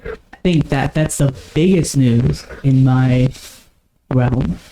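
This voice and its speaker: A man's voice: mid-range voice, slow pace, mellow, slight background noise, poor audio. A man co-hosting a podcast, chatting casually and often stopping to correct himself. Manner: rambling, self-correcting. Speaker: podcast co-host. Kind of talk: casual chat.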